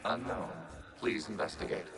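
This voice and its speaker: A man voicing a calm, emotionless machine intelligence in a video game, speaking in flat, clipped, matter-of-fact announcements. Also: normal speed, natural voice. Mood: detached. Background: loud game music.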